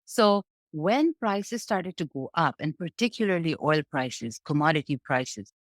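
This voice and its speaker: Woman from Bangladesh, lowish voice, conversational market analyst, dry close sound. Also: lively intonation, unhurried, dry recording. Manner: explanatory, conversational, frequent "right?" checks. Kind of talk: interview answers on markets.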